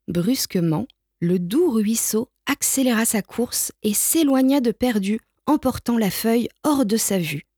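A woman reading a children's picture book aloud in a gentle, expressive way. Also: on the high side, a little slow, slightly rough, no room sound, studio quality. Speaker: storyteller. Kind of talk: children's storybook read-aloud.

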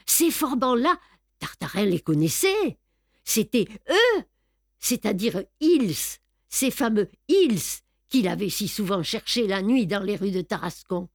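A woman narrates an audiobook with measured, expressive storytelling. Her voice sits in the mid range, and the studio-quality recording has no room sound.

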